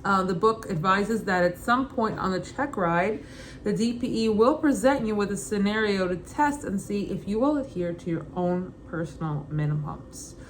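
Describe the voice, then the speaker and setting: Young woman w a brooklyn accent reading a study guide out loud at home, kinda halting, some background noise. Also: medium pitch, lively intonation. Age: young adult. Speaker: student pilot reading an exam guide. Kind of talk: reading study material aloud with casual asides. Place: kitchen at home, indoors. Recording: clearly noisy home room ambience.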